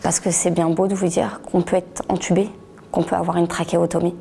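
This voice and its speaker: A middle-aged woman and author telling her story in an interview, halting, restarting words and sometimes sinking to a near whisper. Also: fairly low pitch, level tone, creaky, warm tone, a little hiss or hum. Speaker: author giving a testimony. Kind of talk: personal testimony interview.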